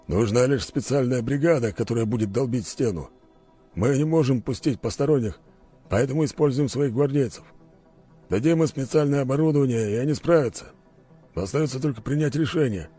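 A loyal, businesslike security chief who reports briskly and with confidence, as a male narrator puts him on. The voice sits well above the reader's low natural range and comes out a little husky. Faint music runs behind. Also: mellow, lightly acted. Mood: confident. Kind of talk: audiobook character voice.

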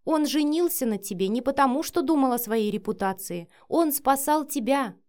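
A woman reading the lines of a blunt, sharp-tongued young woman who snaps back and shouts, in an audiobook. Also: high voice, animated, normal speed, pitched above the performer's own voice. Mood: soothing. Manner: snapping, sarcastic, loud.

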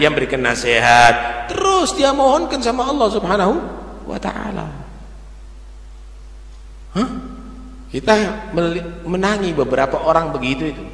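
Man, preacher, lively joking sermon, very expressive pitch, roomy echoing hall. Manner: lively, humorous asides in local dialect. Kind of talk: religious sermon. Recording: echoey hall with long reverb.

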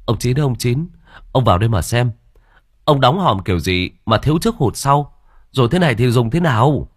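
A man's voice: mid-range voice, lively intonation, fast, breathy edge, no echo, studio quality, voice pushed up. A man voicing a flustered young village helper who complains in a whiny, exasperated way.

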